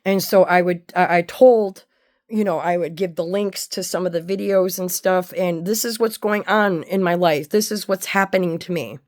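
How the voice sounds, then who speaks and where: Woman, lowish pitch, candid personal monologue, blunt, profane, halting delivery, searching for words. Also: a little mellow. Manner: blunt, heavy swearing. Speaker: personal storyteller.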